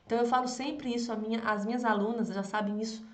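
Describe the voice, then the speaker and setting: A woman's voice: fairly high pitch, fairly even intonation, fast. Brazilian woman teaching mothers in an echoey room. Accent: Brazilian Portuguese. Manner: warm teaching tone, acts out child and mother dialogue. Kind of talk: live online class, teaching mothers.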